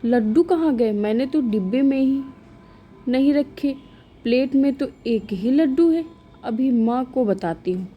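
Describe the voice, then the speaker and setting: Woman reader as a dutiful young wife, respectful and soft-spoken, unhurried. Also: high-pitched, lively intonation, dull audio, slight background noise, pitched above the performer's own voice. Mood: worried. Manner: polite, respectful. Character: meek, dutiful young daughter-in-law.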